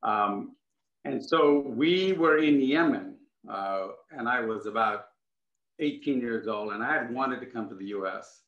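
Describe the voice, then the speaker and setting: A man's voice: medium pitch, a little slow. A middle-aged man born in Ghana, telling a long personal story as an interview guest on a video call, with many restarts and asides. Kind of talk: conversational storytelling. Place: home room with wooden furniture. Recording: echoey room, muffled sound.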